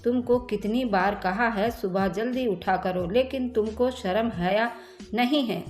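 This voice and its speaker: A woman voicing a sharp older mother-in-law who taunts and scolds. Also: on the high side, measured pace, roomy sound, soft background music, natural voice. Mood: taunting angry. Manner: sarcastic, angry.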